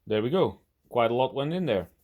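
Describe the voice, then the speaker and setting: A man's voice: mid-range voice, very animated, brisk, phone-quality sound. A man giving casual, unscripted commentary on his hobby work, with understated asides to himself. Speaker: hobby metal-casting video maker.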